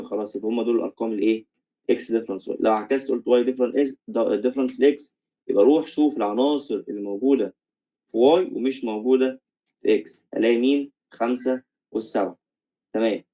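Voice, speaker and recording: A man's voice: mid-range voice, very fast, warm tone, rough recording. A young man with an Egyptian accent teaching college math in a recorded lecture, explaining step by step, checking "okay?" after each point and mixing English math terms into his Arabic.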